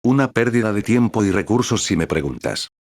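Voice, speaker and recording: A man's voice: on the low side, expressive, a little fast, no room sound, clean studio sound. A man voicing an irritable, sneering male scientist captain with a snappish, complaining manner. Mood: irritated.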